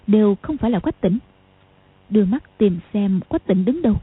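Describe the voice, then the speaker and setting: A woman narrating a martial arts novel as an audiobook in a steady, dramatic reading. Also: medium pitch, breathy edge. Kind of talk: storytelling narration. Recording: tinny lo-fi audio.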